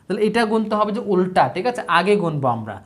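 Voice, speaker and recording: A man's voice: high voice, sing-song, fast. A man teaching a children's math lesson, patient and checking understanding with frequent questions.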